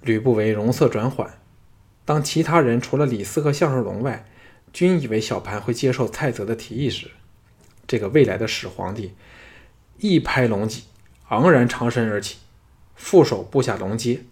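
A man reading a novel aloud at a mid-range pitch. His narration is steady and even, and he weaves commentary into the story. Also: moderate pace. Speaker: audiobook narrator.

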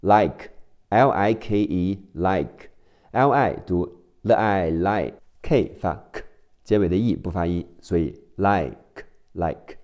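A male teacher drilling English word spellings letter by letter, slow and deliberate. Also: low voice, darkish tone. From China.

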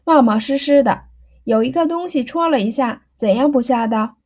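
A woman's voice: sits high, normal speed, darkish tone, husky. A woman voicing a chatty, easily flustered young married woman in an audiobook reading, playful and evasive.

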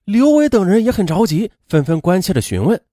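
A man telling a story in a lively, folksy way with drawn-out fillers. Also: sits high, dry recording, studio quality. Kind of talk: storytelling narration.

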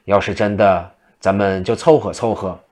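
A man's voice: lowish voice, steady tone, moderate pace, a little mellow, lightly acted. Man doing a teasing trickster monk. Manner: teasing, mock-timid. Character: playful eccentric male monk, teasing trickster.

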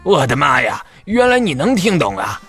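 A man's voice: fairly high pitch, wildly swooping pitch, normal speed, bright, forceful tone, husky, soft background music, heavily acted. A man voicing a big, blunt, grumbling but good-hearted shark in a children's audio story. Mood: gruff annoyance.

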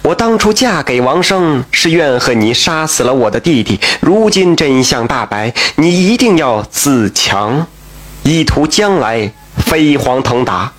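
A male storyteller voicing a grieving, resolute young woman who gives a slow, solemn farewell. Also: on the high side, sing-song.

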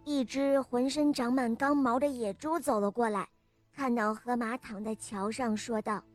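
A woman narrating a children's story with a lively, expressive reading. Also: on the high side, moderate pace, soft background music.

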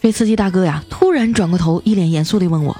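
A woman's voice: fairly low pitch, quick pace, dark tone, husky, soft background music. A young woman hosting a comedy show, telling scripted jokes with playful punchline timing. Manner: playful, punchline-driven delivery. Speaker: comedy podcast host. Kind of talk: scripted comic storytelling.

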